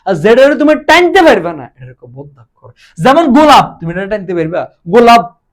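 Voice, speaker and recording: A man gives an online exam-prep lesson in a high, very animated voice that leaps up and down between phrases. He keeps firing questions at his students and drags example words out slowly to demonstrate. He talks to them in a casual, brotherly way. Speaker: Bengali admission tutor.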